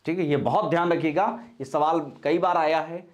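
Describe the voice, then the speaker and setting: A man teaching spelling for exams, repeating each word slowly and stressing key syllables, with frequent reminders to pay attention. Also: a little high, muffled recording. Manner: animated, coaching tone with frequent reminders. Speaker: Hindi grammar teacher. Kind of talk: exam-prep spelling lesson.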